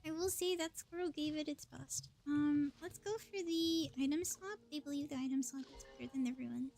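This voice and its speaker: With music behind her, a woman streaming a video game talks through her play in short, casual bursts of thinking aloud. Her voice is high, steady and slightly mellow, at a normal pace.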